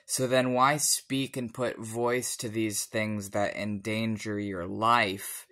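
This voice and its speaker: A tipsy man giving a solemn personal monologue in deliberate, formal phrasing. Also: on the low side, level tone, bright, forceful tone. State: tipsy from alcohol.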